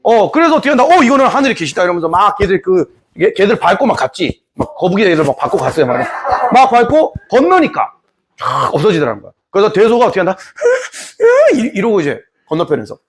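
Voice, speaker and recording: A man teaching history in a lively lecture, playfully acting out scenes from the story. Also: high voice, fast talker, husky. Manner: animated storytelling, playful, voices characters.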